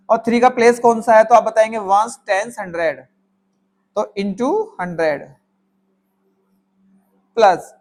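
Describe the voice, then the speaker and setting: A man with a notably high voice explains place value to students. He mixes English number words into Hindi and answers his own questions on their behalf. He keeps checking they follow with short "all right?" tags. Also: darkish tone. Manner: talks students through steps, voicing their answers himself; calls the viewer "my child" affectionately. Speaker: maths teacher. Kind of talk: classroom maths lesson.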